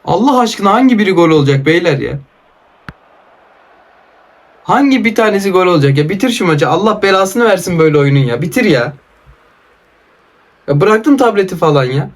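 A man's voice: high-pitched, expressive, a little fast, long pauses. A man giving live commentary on a mobile football game, calling out player names and ranting at his opponent in exasperation. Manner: calls out player names in short bursts. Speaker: mobile football gaming YouTuber.

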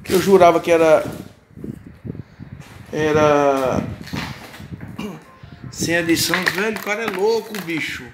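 A Brazilian man with a Brazilian Portuguese accent and a fairly high voice talks through an unedited unboxing vlog, exclaiming loudly and then dropping to low mutters as he works the box open. He is moved almost to tears. The home recording is noisy, with clicks and handling sounds. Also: unhurried, long pauses. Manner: excitable, chatty, exclaims often, drops to mutters while fiddling with the box. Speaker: YouTube vlogger unboxing a fan's gift. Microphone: handheld phone or camera, shaky.

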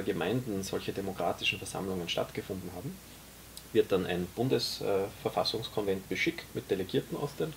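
A man in his forties with a low, gravelly voice explains his vision at length, pausing often with fillers. He talks in a small tea café, picked up by a camera mic a few metres off. A faint hiss sits under the recording. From Austria. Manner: explanatory, many hesitations. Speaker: guest, author. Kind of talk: casual conversation.

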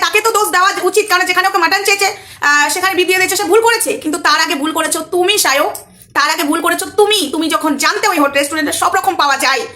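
A woman's voice: extremely high pitch, bright, forceful tone. A woman vlogger giving an indignant, repetitive, lecturing commentary to her viewers. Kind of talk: emotional commentary vlog.

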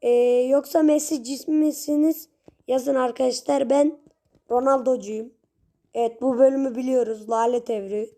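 A young woman giving casual gameplay commentary, chatty with her viewers and prone to sudden shrieks and yells at the game. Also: high voice, steady tone, moderate pace. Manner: chatty, talks straight to viewers. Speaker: gaming channel host.

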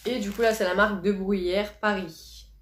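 A woman's voice: medium pitch, steady tone, normal speed, fairly bright tone. A woman beauty vlogger chatting casually to camera, gushing and repeating words for emphasis. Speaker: beauty vlogger unboxing a box. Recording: roomy echo, faint hiss.

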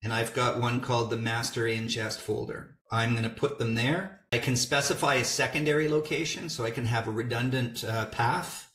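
A middle-aged man giving a casual walkthrough of photo software, talking through each step as he clicks. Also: mid-range voice, steady tone, normal speed, hardly any pauses, a little hiss or hum. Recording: roomy echo.

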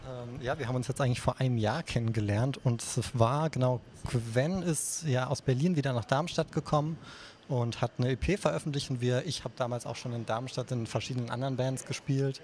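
A young man, a band musician, answering in a relaxed, slightly hesitant way into a handheld mic. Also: medium pitch, brisk. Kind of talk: casual interview.

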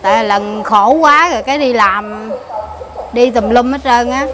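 High-voiced Southern Vietnamese woman. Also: crowd noise. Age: young adult. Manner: halting, repeats words while searching for them. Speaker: interviewee. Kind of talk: casual conversation.

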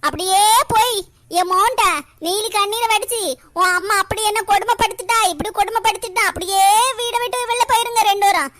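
A woman does cartoon comedy voice acting as a bitter, quarrelsome old mother-in-law, nagging her daughter-in-law in a very high, piercing voice at a brisk pace. The bright, sharp tone is scolding, sarcastic and self-pitying, and she breaks into crying.

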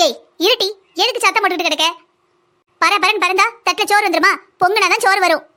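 A woman's voice: very high-pitched, fast, bright, forceful tone. A woman voicing an aggrieved village mother in a cartoon, with a southern Tamil accent, lamenting and scolding at length. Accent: southern Tamil (Kanyakumari-Tirunelveli). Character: aggrieved village mother, brooding and sharp-tongued. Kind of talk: cartoon voice acting.

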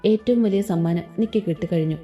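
Audio-story girl: earnest and humble, voiced by a woman, mellow tone, dull lo-fi sound. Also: mid-range voice, fast talker, natural voice. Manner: earnest, modest. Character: humble grateful teenage girl. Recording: slightly dull with soft background music.

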